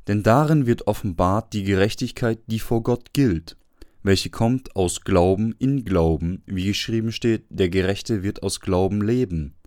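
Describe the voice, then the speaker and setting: Low-voiced man reading a sermon. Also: dry recording, clean studio sound. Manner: steady reading with rhetorical questions. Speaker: preacher. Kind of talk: read-aloud sermon on a Bible verse.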